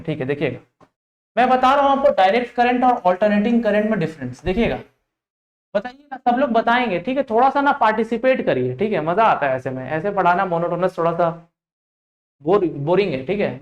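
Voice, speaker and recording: Indian guy teaching online class, keeps asking students, roomy echo. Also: sits high. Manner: interactive, repeats "ठीक है" and "देखिएगा", drills students with questions. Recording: echoey room.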